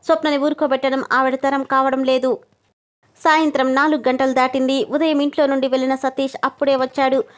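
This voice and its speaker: A woman narrating a novel as an audiobook in a steady storytelling way. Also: high voice, fairly quick. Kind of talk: scripted narration.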